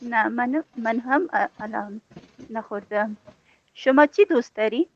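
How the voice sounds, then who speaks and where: A woman student, answering hesitantly and softly with pauses in a practice dialogue. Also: on the high side, muffled recording, a little hiss or hum.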